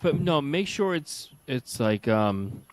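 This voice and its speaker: A man's voice: medium pitch, sing-song, takes it slowly. A man co-hosting a sports radio show, talking bluntly and offhandedly, with some swearing. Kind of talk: casual sports chat.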